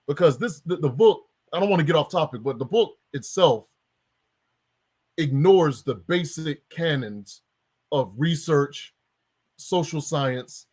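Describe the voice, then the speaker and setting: A man hosting a conversational interview, speaking in a measured, wry and pointed way. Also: a little high, expressive, darkish tone, slightly rough. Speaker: podcast host.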